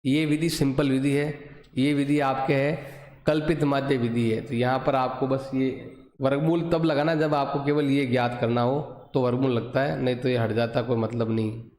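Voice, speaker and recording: A man's voice: mid-range voice, steady tone, moderate pace, a little mellow. Hindi-accent guy teaching math at the board, asks himself stuff then answers, medium voice, kinda distant from the mic. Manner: explains step by step, asks and answers his own questions. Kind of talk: whiteboard math lesson. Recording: echoey room, voice drifting from the mic.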